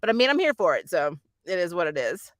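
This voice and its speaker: The channel host's voice is medium-pitched, sing-song and slightly bright, moving at a quick clip in studio-quality audio without room sound. She chats casually and animatedly about a show, giggling and performing the characters' dialogue as a fan reviewer.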